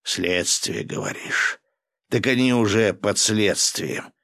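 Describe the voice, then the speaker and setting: A man voicing a gruff, domineering governor who barks orders and drinks hard, in a storybook reading. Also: fairly low pitch, expressive, slow, a bit bright, no echo, heavily acted. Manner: gruff, barking, commanding.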